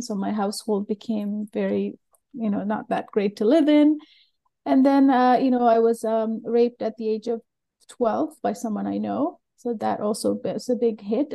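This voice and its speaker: A woman's voice: a little high, gravelly, warm tone. A middle-aged woman from Sri Lanka, a guest telling her story openly and earnestly in loose rambling phrases. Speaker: guest, learning method creator. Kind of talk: candid personal interview.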